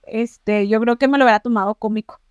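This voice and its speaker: A woman's voice: fairly high pitch, steady tone, a little fast, clean tone, dry recording, clean studio sound. A young Mexican woman co-hosting a podcast, chatting casually, asking questions and giving advice. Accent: Mexican Spanish. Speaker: podcast co-host. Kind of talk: casual chat.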